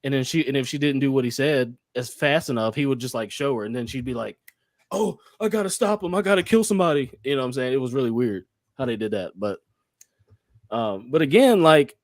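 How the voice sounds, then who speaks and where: A man co-hosting a casual podcast at a middling pitch, and he rambles loosely, stacking up fillers and curse words as he explains. His voice sounds dry and close, with no room around it. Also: dry recording. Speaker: podcast co-host. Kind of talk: casual chat.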